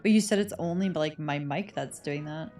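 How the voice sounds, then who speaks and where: A woman's voice: deep voice, moderate pace, a little mellow, recorded from a distance. A woman streaming a video game in casual chat, her mic sounding tinny and echoing as if inside a tin can. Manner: giggly, hums to herself. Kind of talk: casual chat while gaming. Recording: hollow mic from off-mic with game music.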